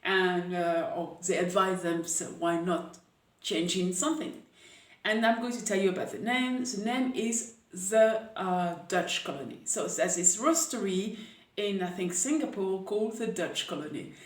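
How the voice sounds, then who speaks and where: A woman from Paris, hosting a casual coffee chat and talking with many hesitant pauses. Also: medium pitch. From Paris, France. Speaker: coffee camp host. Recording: echoey room, voice a bit far from mic.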